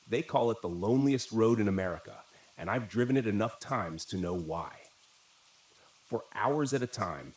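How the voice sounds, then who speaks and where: A man narrates a first-person horror story in a steady, dramatic way. His voice sits low. The recording has a roomy echo around it.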